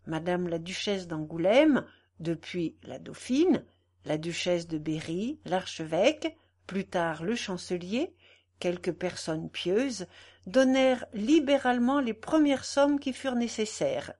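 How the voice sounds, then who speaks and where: A woman narrating a classic novel as an audiobook, calm, even and deliberate. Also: on the low side.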